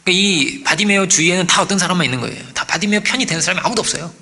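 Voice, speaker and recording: A man preaching a sermon as pastor, animated, asking the congregation for agreement and acting out quoted voices. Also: sits high, very fast. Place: church.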